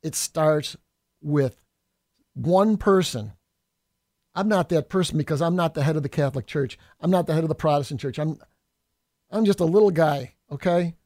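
A man's voice: on the high side, moderate pace, pauses often, mellow, dry recording, studio quality. A middle-aged man from New York State, a state assemblyman hosting a political podcast, delivering a combative, folksy monologue and calling listeners folks.

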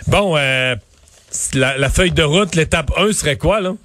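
A man's voice: a little high, unhurried, a bit bright, slight background noise. A man with a Québécois French accent hosting a radio talk show, conversational and hesitant with many fillers. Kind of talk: live radio interview.

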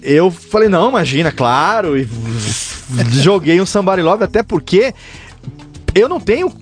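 A man's voice: high voice, normal speed, faint music behind. A man from Brazil, a podcast guest, telling a story in a casual interview and acting out the dialogue, with a few restarts. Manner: animated storyteller, acts out dialogue, some restarts.

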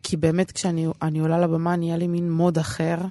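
A woman's voice: deep voice, monotone, mellow, no room sound. A woman with an Israeli accent talking casually as an interview guest, in a rambling, self-deprecating, repetitive way. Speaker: stand-up comedian, interview guest.

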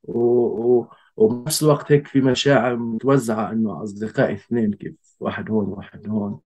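Low-voiced Levantine Arabic man, reflective storyteller. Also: fairly even intonation, fast talker, mellow. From Golan Heights. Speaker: interview guest. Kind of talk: personal storytelling in conversation.

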